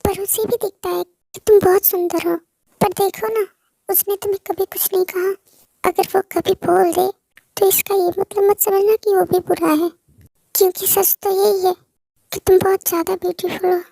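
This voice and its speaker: A high-voiced actor doing a gentle caring young man. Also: level tone, normal speed, gravelly, no room sound. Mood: soothing. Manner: soft reassuring talk. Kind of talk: fan-dubbed romance drama.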